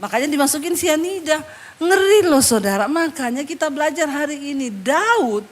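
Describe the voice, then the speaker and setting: Woman pastor, high voice, lively storytelling sermon, middle-aged. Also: moderate pace. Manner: animated, acts out the people in her story with laughter.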